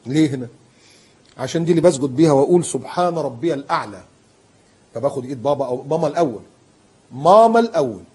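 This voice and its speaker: A man preaching in a colloquial style with an Egyptian accent. He is animated and emphatic, and he acts out the people he quotes. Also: fairly high pitch, racing, pauses often, husky. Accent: Egyptian Arabic. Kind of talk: colloquial sermon.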